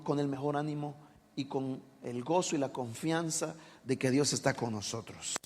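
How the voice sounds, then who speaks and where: A man's voice: on the high side, darkish tone. A male pastor preaching a dramatic, emphatic sermon in a church hall.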